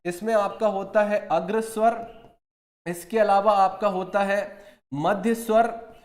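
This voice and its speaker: A man teaching an exam-prep class. He asks questions, answers them himself, and repeats key terms slowly. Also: sits high, steady tone, echoey room.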